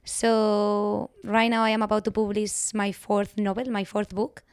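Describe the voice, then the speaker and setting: A woman from Spain with a strong Spanish accent, telling her story as a guest on a podcast in an earnest, measured way. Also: medium pitch, monotone, clean tone, no echo. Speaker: guest, writer.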